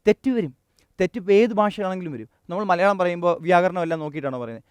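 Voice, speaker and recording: A young man from Kerala, an English teacher, giving an energetic, direct stage talk that urges the audience on, often restarting and correcting himself mid-sentence. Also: high-pitched, very fast, smooth, no room sound. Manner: frequent self-corrections and restarts. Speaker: English teacher and motivational speaker.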